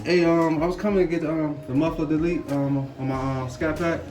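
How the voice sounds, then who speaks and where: A man's voice: fairly high pitch, steady tone, a little fast. A man in a face mask chatting casually to his viewers in a laid-back, slangy way, as a car vlogger. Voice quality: slightly muffled by a face mask. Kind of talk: casual vlog chat. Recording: loud music behind handheld vlog audio.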